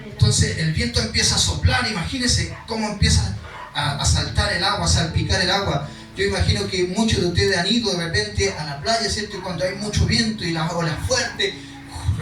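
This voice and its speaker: A man's voice: sits high, recorded from a distance. A male pastor preaching, reading scripture aloud and then explaining it in a conversational way, sometimes acting out the cries of the people in the story. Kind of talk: sermon. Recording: echoey hall, speaker away from the mic.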